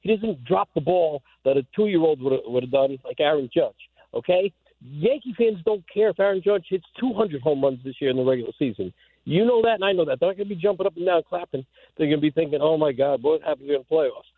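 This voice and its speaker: A man's voice: on the high side, animated, a little fast, no echo. A man calling a sports radio show from his car phone, insistent, with stumbling restarts. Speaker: caller. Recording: tinny car phone line.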